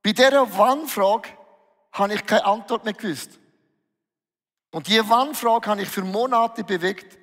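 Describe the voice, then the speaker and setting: Male preacher, emotive and animated, raised pitch, recorded in a reverberant hall. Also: unhurried, pauses often. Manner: lively, emotional, acts out dialogues with Jesus. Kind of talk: sermon.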